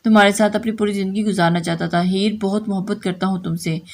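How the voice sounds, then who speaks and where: Earnest, emotional young man in love in an audio novel, read by a woman narrator; mid-pitched. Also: fairly even intonation, fast talker, darkish tone, natural voice. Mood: sorrowful.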